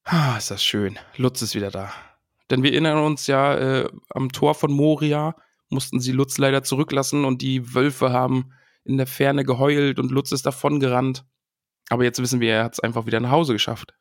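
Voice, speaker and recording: A man's voice: mid-range voice, level tone, normal speed, no room sound, clean studio sound. A man co-hosting a casual podcast about a book, cheerfully reading passages aloud with feeling. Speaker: podcast co-host.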